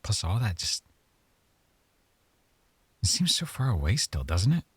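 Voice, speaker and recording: A man with a fairly low voice plays an affectionate young boyfriend in an intimate ASMR roleplay, thinking aloud softly and haltingly. His delivery is sing-song with a breathy edge, in full character voice, and sounds hesitant and unsure. The recording is dry.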